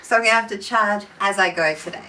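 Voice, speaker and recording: A woman's voice: medium pitch, fast talker, sharp tone, slight background noise, rough recording. A woman chatting upbeat on a mountain hiking trail, talking into a handheld camera. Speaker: travel vlogger. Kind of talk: casual vlog chat. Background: background music.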